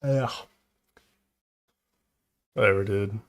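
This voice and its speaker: A man's voice: lowish voice, extremely slow. A man hosting a podcast in casual chat, rambling and laughing often as he trails off and restarts sentences. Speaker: podcast host.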